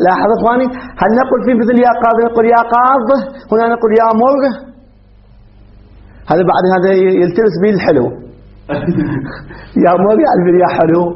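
A man teaching a grammar class, explaining step by step and quizzing his students. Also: high voice. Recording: dull muffled lesson recording, faint hiss.

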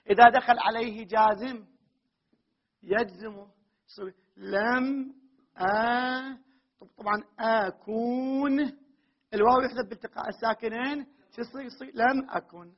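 High-pitched husky male teacher. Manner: repeats key terms and asks the class rhetorical questions. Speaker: grammar teacher. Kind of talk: classroom lecture. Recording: dull lo-fi recording.

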